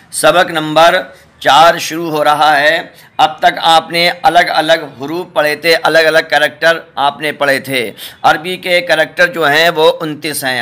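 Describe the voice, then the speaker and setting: A man teaching a Quran reading lesson, patiently naming letter pairs and repeating each one slowly for his viewers. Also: a little high, pushed and bright. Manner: addresses viewers directly, asks them to look. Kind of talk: step-by-step spoken lesson.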